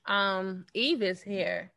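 A woman's voice: mid-range voice, very slow, bright, forceful tone. A woman co-hosting a casual film discussion, retelling scenes and acting out the characters' lines. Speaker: podcast co-host.

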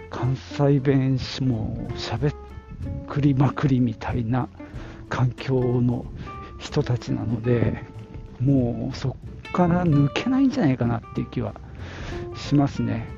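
A man's voice: medium pitch, gravelly. A man hosting a casual solo podcast, thinking aloud and musing with many fillers. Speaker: podcast host. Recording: lo-fi with background music.

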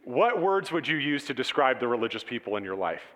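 A man gives a relaxed, conversational sermon, talking to his congregation like friends and tossing questions out for them to answer. His voice sits at an ordinary pitch for a man. The sound rings with the long reverb of a church hall. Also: fairly quick. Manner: casual and animated, asks the congregation questions. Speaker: pastor.

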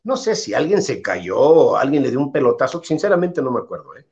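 A man, a former goalkeeper, telling anecdotes in an interview with lively asides. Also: medium pitch, a little fast, highs cut off. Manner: animated anecdotes, quotes the coach in character. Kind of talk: casual interview storytelling.

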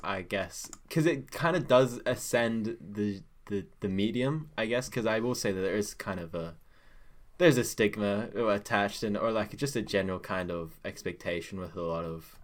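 A man's voice: fairly low pitch, normal speed. A young man on a podcast, gushing about a film in rambling casual chat full of fillers. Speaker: guest.

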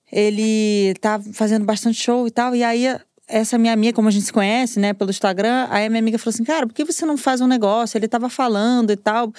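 A woman's voice: mid-range voice, darkish tone, clean tone, no echo, clean studio sound. A woman podcast host with a São Paulo accent, chatting casually, laughing often and teasing herself. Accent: Brazilian Portuguese, São Paulo. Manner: bubbly, laughs often, self-mocking. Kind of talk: casual interview chat.

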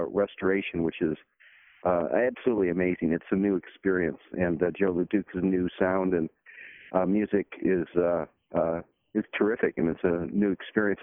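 A man joining a casual chat, speaking haltingly with stammering restarts, heard over a phone line. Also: lowish voice, no room sound. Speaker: podcast panelist.

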